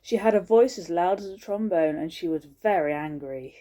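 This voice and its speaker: A woman teacher reading a storybook aloud to children, expressive and pausing to show the pictures. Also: fairly low pitch.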